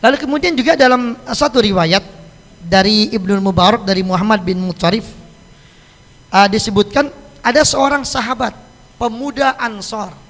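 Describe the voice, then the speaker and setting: Joking Betawi cleric with a gravelly voice. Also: male voice, sits high, normal speed, a bit bright, in a large hall. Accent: Jakarta Betawi. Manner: chatty and joking, laughs at his own stories. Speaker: Islamic cleric teaching a weekly study circle. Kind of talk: casual sermon on a religious book. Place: mosque hall.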